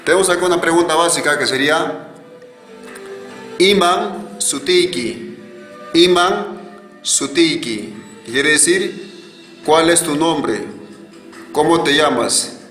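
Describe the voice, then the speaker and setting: A man teaching a virtual language class, slowly repeating each word so learners can echo it. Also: a little high, a bit bright. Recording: echoey room with faint music.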